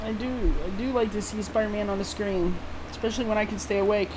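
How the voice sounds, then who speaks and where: A woman's voice: mid-range voice, quick pace, noisy background. A woman co-hosting a casual podcast chat, tossing in dry, teasing quips. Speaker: guest co-host.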